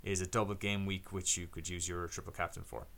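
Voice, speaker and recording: Bright-voiced man explaining football strategy. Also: deep voice, little pitch movement, brisk, creaky. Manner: explains strategy step by step, restarts often. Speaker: podcast co-host. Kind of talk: casual fantasy football chat.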